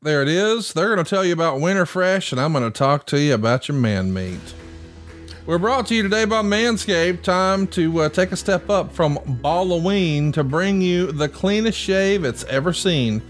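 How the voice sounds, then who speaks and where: Higher-voiced man hosting a podcast. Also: expressive, normal speed, faint music behind. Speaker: podcast host. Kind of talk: casual watch-along commentary and ad reads.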